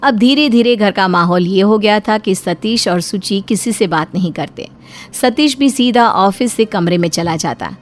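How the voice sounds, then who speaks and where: A woman giving steady, scripted narration for a cartoon moral story. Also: mid-range voice, normal speed, slight background noise.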